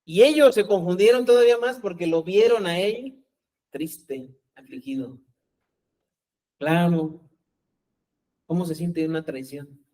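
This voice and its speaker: A man's voice: high-pitched, measured pace, pauses often, mellow, rough recording. A man preaching a sermon as pastor, talking conversationally and often asking his congregation rhetorical questions.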